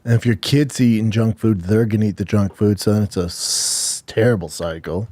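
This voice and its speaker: A man's voice: on the low side, fairly even intonation, normal speed, darkish tone. A man giving casual advice and banter in blunt, slangy language with some swearing.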